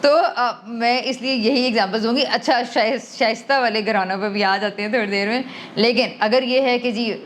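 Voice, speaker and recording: A woman's voice: fairly high pitch, fairly even intonation, few pauses, slight background noise. A woman guest on a podcast, explaining things conversationally and thoughtfully, slipping English terms into her speech and often restarting sentences. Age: adult parent. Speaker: podcast guest on emotional wellbeing.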